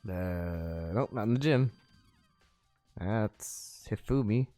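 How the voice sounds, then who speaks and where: A man's voice: lowish voice, animated, slow, mellow, soft background music. A man casually bantering with a friend while watching a video game, joking, laughing often and rambling off on asides. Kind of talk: casual let's-play banter.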